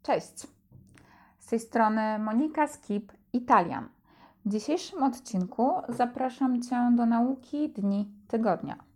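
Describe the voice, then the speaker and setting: A woman teaching an Italian lesson, saying words slowly and clearly for learners to repeat. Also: a little high, warm tone. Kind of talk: slow language lesson.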